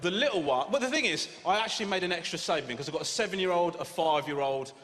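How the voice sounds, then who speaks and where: A man in his thirties performing a stand-up comedy set, animated and swearing freely as he acts out quoted lines. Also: sits high, very fast. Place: large comedy venue with a live audience. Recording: hall reverb with loud audience laughter.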